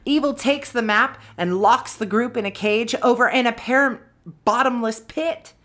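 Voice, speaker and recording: A woman's voice: fairly high pitch, normal speed, fairly bright tone. Casual, swearing woman recapping a movie. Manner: swears freely, summarizes plot with wry asides. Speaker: podcast co-host. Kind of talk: casual chat, recapping a film plot.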